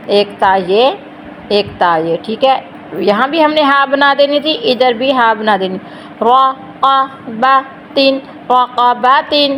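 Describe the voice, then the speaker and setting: A woman teaching Quran reading. She spells out syllables slowly, joins them, and explains quickly between the drills. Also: a little high, slight background noise, rough recording. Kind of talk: slow letter-by-letter recitation lesson.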